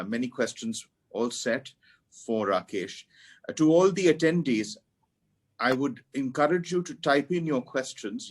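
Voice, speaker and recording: A man giving a formal, courteous welcome as the host of an online talk. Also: medium pitch. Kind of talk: formal webinar welcome address.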